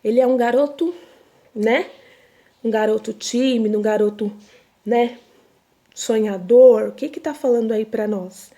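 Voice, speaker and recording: A young woman with a Brazilian Portuguese accent teaches young pupils at a slow, unhurried pace. Her voice sits fairly high but sounds soft and mellow, and she stretches and repeats words with patient care. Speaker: primary school teacher. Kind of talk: recorded remote reading lesson for children.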